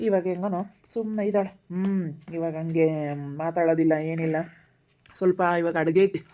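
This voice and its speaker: A woman playing a sharp-tongued, scolding village neighbour in an amateur skit. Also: on the low side, fairly even intonation, moderate pace, dull audio, close to an everyday voice. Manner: scolding, judgmental. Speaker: neighbour Meena.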